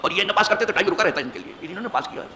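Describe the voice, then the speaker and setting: A man's voice: sits high, animated, slight background noise. A man, an imam giving a hadith sermon from the pulpit of a mosque, emphatic and full of rhetorical questions. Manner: emphatic, rhetorical questions, rising to forceful peaks.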